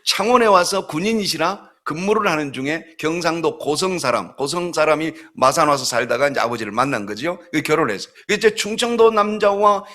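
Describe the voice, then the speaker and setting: A middle-aged man from South Korea, a pastor preaching a sermon and telling family stories in an animated way, acting out other people's voices. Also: a little high, fairly quick, few pauses. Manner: animated storytelling, acts out voices, laughs often. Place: church sanctuary.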